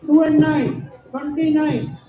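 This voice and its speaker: Bingo caller: Indian man, very high voice, announcing numbers digit by digit over an echoey event PA. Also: little pitch movement, takes it slowly, dull audio. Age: middle-aged. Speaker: bingo caller at a Diwali party. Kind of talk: bingo calling over a microphone, drawn-out numbers and rhyming nicknames. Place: outdoor evening party in front of a stage. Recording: echoey event PA with loud music behind.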